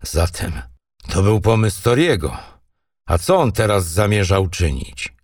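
A man's voice: low-pitched, big pitch swings, measured pace, slightly rough, dry recording, studio quality, distant mic, full character voice. A man voicing a proud young Norse king who gives terse, stern commands, read in an audiobook. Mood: resolute.

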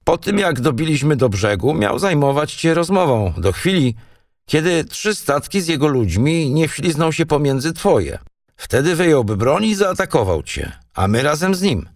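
Man reading earnest viking uncle, explaining a betrayal plan, raised pitch, lively. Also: normal speed, dry recording, clean studio sound. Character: older Norse uncle, earnest plotting conspirator.

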